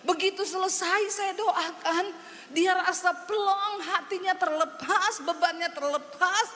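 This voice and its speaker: A woman's voice: very high voice, steady tone, measured pace, sharp tone. A woman pastor preaching a sermon in a church, telling a story with humor and acting out the people she quotes. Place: church hall with congregation. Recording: long reverb, faint background noise.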